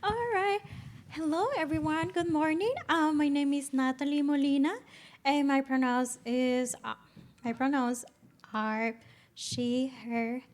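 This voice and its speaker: Woman from Ecuador, fairly high voice, cheerful, hesitant, panel intro. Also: level tone, measured pace. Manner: cheerful, a bit hesitant, small restarts.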